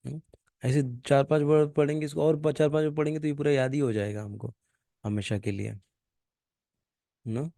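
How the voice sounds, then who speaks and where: Mellow-voiced man teaching scripture. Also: fairly high pitch, steady tone, gravelly, no room sound, studio quality. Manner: explains in a casual conversational way, then chants verses slowly and carefully; fillers like "na" and "hmm" at the ends of sentences. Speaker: reading group leader. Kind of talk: Gita reading class over Zoom. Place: home video call. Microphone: video call mic.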